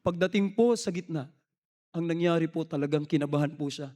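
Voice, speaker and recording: A man's voice: a little high, fairly quick, a little mellow. A man preaching a sermon in a storytelling way, respectful and mixing in English phrases. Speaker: lay preacher.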